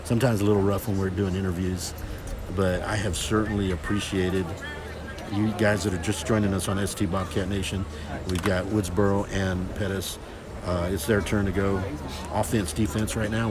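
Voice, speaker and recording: Over the noise of a crowd at an outdoor football field, a middle-aged host chats loudly and jokingly while livestreaming a scrimmage on his phone camera. His low-pitched voice stays level at a normal pace.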